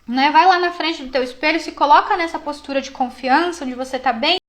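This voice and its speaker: A woman with a high, light voice leads a live online class as a psychologist. She talks in an encouraging, lively way and drops in plenty of casual fillers as she coaches the students. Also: brisk.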